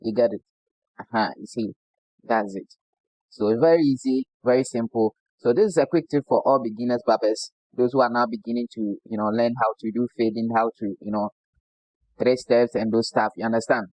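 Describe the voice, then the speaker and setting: A man's voice: mid-range voice, a little fast, a little mellow, no room sound, rough recording. A man from Ghana with a Ghanaian English accent, a barber giving a casual hands-on demo who keeps asking "you understand?". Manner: repeats "you understand?" as a constant check-in.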